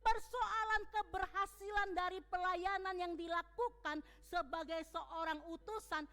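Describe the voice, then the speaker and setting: A woman pastor preaching a sermon in a church, talking in a lively way and asking the congregation questions. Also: very high-pitched, unhurried, faint music behind. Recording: long church hall reverb.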